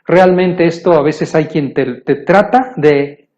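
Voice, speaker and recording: Slightly high-voiced man teaching English grammar. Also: a little mellow, highs cut off. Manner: repeats himself, slows down for English example phrases. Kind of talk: explaining grammar to viewers in Spanish.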